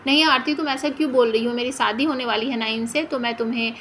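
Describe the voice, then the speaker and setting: A woman's voice: fairly high pitch, steady tone, fast, fairly bright tone, a little hiss or hum, natural voice. A woman reading the lines of a young bride-to-be who insistently pleads and invites.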